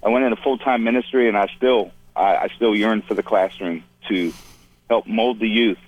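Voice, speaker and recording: A man's voice: on the low side, normal speed. A man in his fifties, a former teacher now in ministry, heard over the phone and telling old stories in a folksy, chuckling way. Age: 50s. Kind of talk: casual reminiscing phone chat. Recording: dull, lo-fi phone line.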